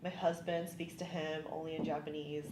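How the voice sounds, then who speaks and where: In a casual, upbeat interview, an immigration attorney from California in her thirties speaks at a moderate pace, her low voice level in tone and peppered with likes and ums. Background hiss and room reverb are faintly audible.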